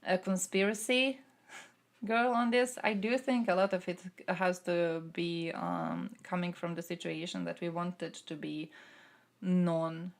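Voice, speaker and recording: A woman's voice: fairly low pitch, flat delivery, a little slow, vocal fry. A young woman from Croatia who streams and answers chat, talking through politics in a casual way, thinking aloud with fillers.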